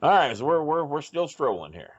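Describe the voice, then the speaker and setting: A man's voice: fairly high pitch, sing-song, fairly quick. A man telling a rambling, profane road story in casual podcast chat, full of fillers. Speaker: wrestling storyteller guest. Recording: dull lo-fi podcast audio.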